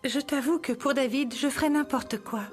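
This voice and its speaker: A woman's voice: high voice, moderate pace, soft background music, lightly acted. An actress in a dubbed television drama playing a firm, independent mother and estranged wife.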